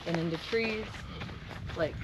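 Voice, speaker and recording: A woman's voice: lowish voice, measured pace, a little hiss or hum. A woman talking in a playful, teasing way while hiking a trail outdoors with her cousin. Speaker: vlogger's cousin and hiking companion. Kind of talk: casual chat on a hike.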